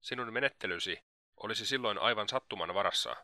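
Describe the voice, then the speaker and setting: A man reading the lines of a proud, reserved young gentleman in an audiobook, cool and measured, lecturing at length. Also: on the low side, dry recording, studio quality.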